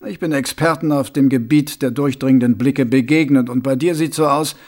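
A man's voice: mid-range voice, steady tone, a little fast, darkish tone, lightly acted. A man reading an audiobook, voicing a curt, stiff male night-watch sergeant in a dry manner. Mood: stern. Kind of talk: audiobook character voice.

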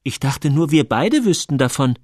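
A man's voice: fairly high pitch, sing-song, moderate pace, darkish tone, no room sound, studio quality, pitched above the performer's own voice. A man voicing a stubborn, hurt teenage boy with a blunt, insistent delivery in an audiobook.

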